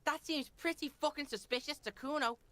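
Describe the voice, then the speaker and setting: A woman's voice: sits high, fairly quick, a bit bright. A woman voicing a crude, foul-mouthed boy who mocks and taunts in the third person. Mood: sneering.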